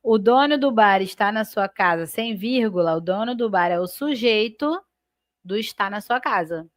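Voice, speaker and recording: A woman's voice: mid-range voice, expressive, normal speed, dry recording, studio quality. A Brazilian woman teaching grammar in a live online class. She explains step by step, checks in often with her students, and stretches out key terms as she names the parts of each sentence. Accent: Brazilian Portuguese. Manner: stretches and stresses key words while labeling sentence parts.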